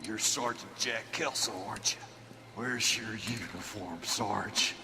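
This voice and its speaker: A man playing a disturbed war veteran who speaks softly and with eerie calm in a video game. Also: on the low side, unhurried. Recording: game audio with loud background noise.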